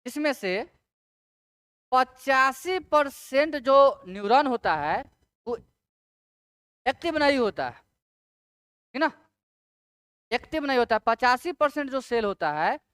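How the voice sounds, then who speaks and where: A female teacher gives an exam-prep science lecture in a fairly high voice that is smooth and resonant, recorded dry and close with no echo. Her intonation is lively and her tone a bit bright, and she takes it slowly with frequent pauses. She stretches key terms out syllable by syllable and poses rhetorical questions to make sure her students are keeping up.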